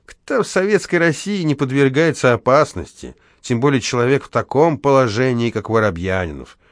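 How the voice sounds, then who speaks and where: A man voicing a boastful, ironic middle-aged male locksmith who shouts and sneers in an audiobook. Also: medium pitch, lively intonation, moderate pace, no echo, clean studio sound, voice pushed up, natural voice.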